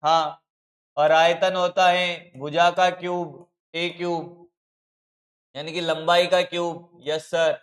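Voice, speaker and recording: A man teaching a live online practice class, scolding and coaxing his students in a brisk, familiar way. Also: on the high side, level tone.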